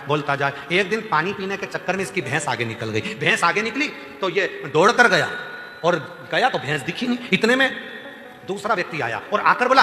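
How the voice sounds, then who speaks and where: A man giving a devotional sermon, telling the story with lively, acted-out voices and loud bursts of emphasis to a gathered congregation. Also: on the high side. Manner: animated, acts out characters, rising to loud exclamations. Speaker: kathavachak preacher. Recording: echoey hall with music behind.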